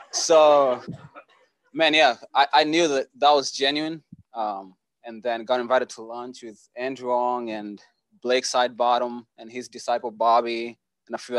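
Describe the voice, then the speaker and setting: A young man from Kenya giving a casual, earnest church testimony, relaxed and full of fillers. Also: mid-range voice, no echo.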